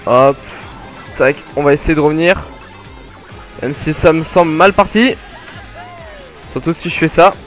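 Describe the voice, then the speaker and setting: A young man casually commenting his kart race, joking and rambling with sudden excited outbursts. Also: a little high, a little slow, long pauses, faint music behind. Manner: jokey, rambling, self-mocking, bursts of excited yelling. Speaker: gaming commentator. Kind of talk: casual let's play commentary.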